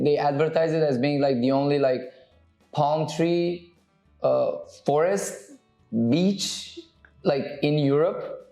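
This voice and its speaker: A man's voice: fairly high pitch, gravelly, warm tone, roomy sound, poor audio. A man hosting a podcast as a barber, chatting casually with a client while cutting his hair, loose and full of fillers. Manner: loose, laid-back, heavy on fillers and swearing.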